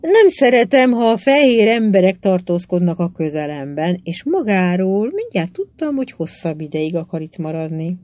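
A bold, scheming Indian queen, as a woman reader puts her on in an audiobook, frank and passionate. She speaks higher and louder than the narration, with a lively sweep. Her voice stays lowish in its base. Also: few pauses, no echo, lightly acted. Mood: teasing. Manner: passionate, teasing, then pleading. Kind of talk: audiobook reading.

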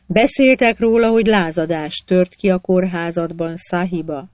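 A reader voicing a grieving queen who speaks softly and sometimes murmurs, in an audiobook. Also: medium pitch, no room sound, lightly acted. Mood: gracious. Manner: soft-spoken, murmuring at times. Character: proud grieving queen, gentle yet imperious. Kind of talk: audiobook character voice.

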